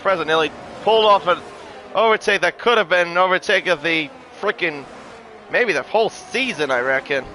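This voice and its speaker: A man commentating live on a motor race as a motorsport commentator, excitable on the action and chatty in between. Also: sits high, brisk, slight background noise. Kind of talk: live sim racing play-by-play commentary.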